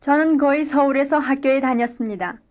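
High-voiced woman reading model sentences. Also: brisk, lo-fi sound. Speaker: language course speaker. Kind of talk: scripted language-lesson dialogue and drill responses.

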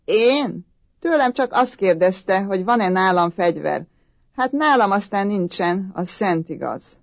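A woman's voice: medium pitch, lively intonation, dry recording, lo-fi sound, lightly acted. A woman reading as a sly old gamekeeper. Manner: dry, evasive, slow understatement. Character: wry old Székely gamekeeper, evasive, sly.

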